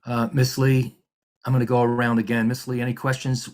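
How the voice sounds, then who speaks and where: A man's voice: medium pitch, completely flat delivery, brisk, a little mellow. A man working as a hearing examiner, running formal proceedings over a video call in a polite, methodical way with frequent fillers and restarts.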